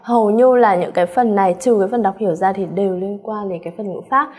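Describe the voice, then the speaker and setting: A woman teaching an English exam-prep lesson with a Vietnamese accent, animated and checking in with her students often, referring to herself by name. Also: mid-range voice, fast talker, husky. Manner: calls herself by name in third person.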